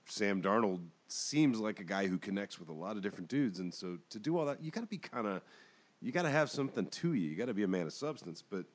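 Casting: deep-voiced male podcast host, casual rambling sports talk. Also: fast talker. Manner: animated, rambling.

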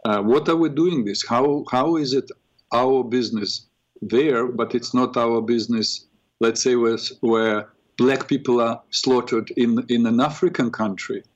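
A man's voice: mid-range voice, fairly even intonation. Guy from ukraine calling in, emphatic, keeps restarting, dull lo-fi sound. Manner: emphatic, questioning, halting. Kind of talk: casual opinion chat. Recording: dull lo-fi line.

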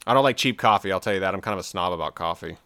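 A man chats on a podcast in a lively, opinionated, joking manner. His voice is bright and forceful. The sound is dry and close, with no room behind it. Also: sits low, racing, no echo. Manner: animated, opinionated, playful. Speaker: podcast co-host. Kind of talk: casual chat. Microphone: remote video call.

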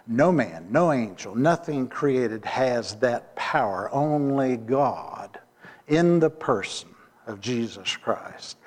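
A man, the pastor, preaching a sermon deliberately and asking the congregation rhetorical questions. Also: medium pitch, a little mellow. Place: church sanctuary. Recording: long reverb of a church hall.

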